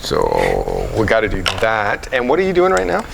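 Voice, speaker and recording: A man's voice: on the low side, wildly swooping pitch, normal speed, gravelly, noisy background. A man co-hosting a car show, trading dry, sarcastic quips about cheap parts while working on his car in a garage. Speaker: car show co-host, car owner. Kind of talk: casual garage banter.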